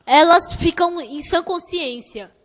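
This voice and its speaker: A woman interpreting a sermon in short, halting phrases with frequent restarts. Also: extremely high pitch. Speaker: interpreter for a visiting pastor. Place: church hall. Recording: echoey church hall.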